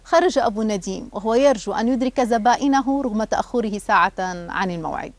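Quick, dry-voiced woman narrating radio stories. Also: on the high side, no room sound, faint music behind. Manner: storytelling, measured.

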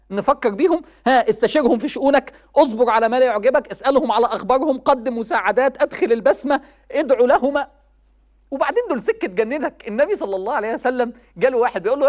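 A young woman with an Egyptian accent giving a passionate religious talk, acting out the voices she quotes. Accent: Egyptian Arabic. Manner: passionate, rising to high exclamations, acts out quoted voices. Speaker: religious speaker. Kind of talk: Ramadan sermon talk.

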